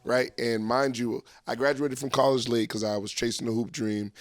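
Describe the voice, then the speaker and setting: Mid-pitched man, casual "right?" talk. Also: fairly even intonation, moderate pace, no echo. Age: 30s. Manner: conversational, checks in with "right?". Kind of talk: casual group discussion.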